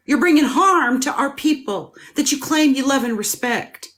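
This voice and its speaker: A woman's voice: high-pitched, lively intonation, normal speed, fairly bright tone. A woman hosting a live panel debate, making her points emphatically and repeating them. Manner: emphatic, repetitive, explanatory. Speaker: panel host.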